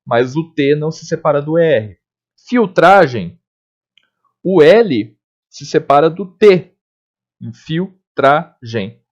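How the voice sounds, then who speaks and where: A male teacher with a fairly high, animated voice walks through a recorded lesson step by step. He keeps checking in with his listeners and spells out letters slowly. The recording sounds dull and lo-fi.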